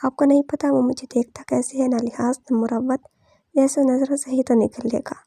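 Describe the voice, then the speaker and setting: A woman doing a fiery young woman from a storybook, defiant and scolding. She sounds high yet dark-toned and gravelly, with a husky edge. The recording is dry and close. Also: little pitch movement, normal speed, dry recording, exaggerated voice. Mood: furious. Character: angry, sharp-tongued young woman.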